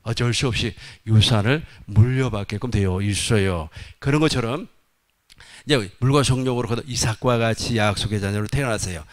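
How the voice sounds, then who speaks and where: A man's voice: lowish voice, moderate pace. A man preaching a sermon, repeating his points emphatically and dropping folksy asides.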